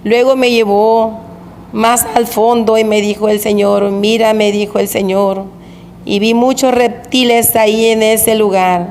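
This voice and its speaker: Slow-speaking woman recounting a religious vision. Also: a little high, level tone, darkish tone. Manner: slow, repetitive storytelling with recurring phrases. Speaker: preacher recounting a revelation. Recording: echoey hall with faint background noise.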